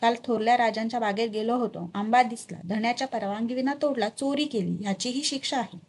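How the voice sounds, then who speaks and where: A woman's voice: a little high, fairly quick, a little mellow, slightly rough. A woman voicing an aged, devout male steward who reproaches himself with anguished, pleading speech. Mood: calm.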